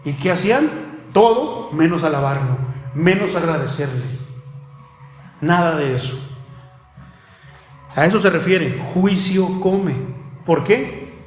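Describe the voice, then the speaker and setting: Pastor, male; high, bright voice; sermon full of rhetorical questions, recorded in an echoey church. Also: animated, slow, pauses often. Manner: rhetorical questions, addresses listeners as brother.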